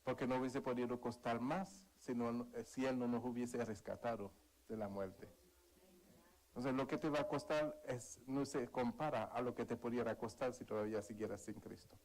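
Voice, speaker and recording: A man's voice: mid-range voice, steady tone, moderate pace, darkish tone, low-quality recording. A man preaching a sermon in Spanish, earnest, calling for amens and telling a personal testimony. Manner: earnest, calls for amens, tells a story.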